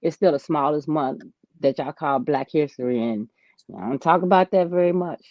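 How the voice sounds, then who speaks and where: A woman about fifty co-hosting a casual talk show, relaxed and agreeable, chiming in with short replies. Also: low voice, moderate pace, no room sound. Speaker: podcast co-host. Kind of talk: casual chat. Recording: dull, dry recording.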